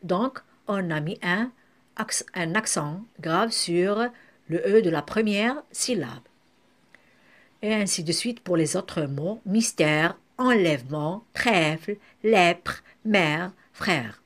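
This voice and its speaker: A woman teaching French spelling in a slow classroom manner, breaking words into syllables and sometimes correcting herself. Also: lowish voice, expressive. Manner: spells out syllables one by one, with occasional self-corrections.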